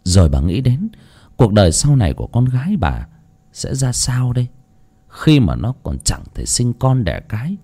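A man narrating an audio story in an expressive storytelling manner. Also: mid-range voice, moderate pace.

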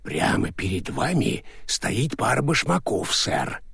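A man voicing a fussy, nervous old male postman with a wheezy, hoarse whisper and a very formal way of talking. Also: fairly low pitch, wildly swooping pitch, slow, a bit bright, no room sound, studio quality, heavily acted. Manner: formal, ends sentences with "sir". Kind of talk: audiobook character voicing.

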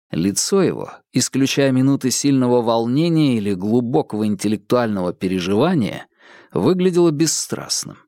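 A man reading an audiobook in an even, measured scripted narration. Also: mid-range voice, dry recording, studio quality.

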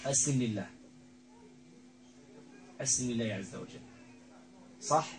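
A man's voice: medium pitch, measured pace, rough recording. A man acting as a ruqyah healer, commanding and repeating himself as he addresses a spirit in an exorcism session, full of religious phrases.

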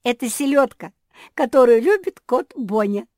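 A woman voicing a playful, giggly female dog who corrects others excitedly. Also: on the low side, measured pace, no room sound, clean studio sound, pitched above the performer's own voice.

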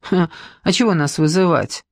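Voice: medium pitch, normal speed, no echo, clean studio sound, lightly acted. A storyteller voicing a stern, officious police officer.

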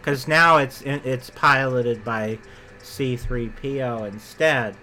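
Talking slowly with a sharp tone, a medium-pitched man keeps his intonation fairly even as he co-hosts a casual podcast about theme park attractions. He rambles and often corrects himself partway through sentences. Slight background noise is present.

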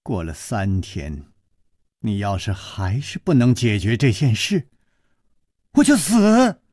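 A man's voice: on the low side, big pitch swings, darkish tone, dry recording, clean studio sound, exaggerated voice. A man voicing a distraught young woman who stammers and trembles in a storybook reading. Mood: resigned. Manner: halting, stammering.

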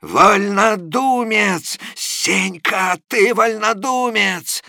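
A rowdy male clerk from a storybook bellows his accusations, as a man acts him out. His words come slow and stretched, pitched high with anger. The voice is dry and close to the mic. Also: vocal fry, dry recording, exaggerated voice. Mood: mocking. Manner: shouting, drawn-out accusations.

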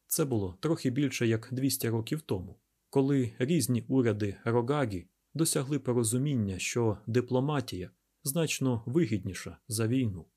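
A man narrates an audiobook in a steady, even manner. His voice is husky and sits at a middle pitch. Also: normal speed. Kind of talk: scripted narration.

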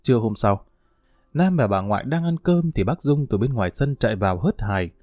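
A man reading an audiobook story with expressive, lively intonation. His voice is warm and mellow, and the recording is dry and close. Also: medium pitch, fairly quick, no room sound. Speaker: narrator.

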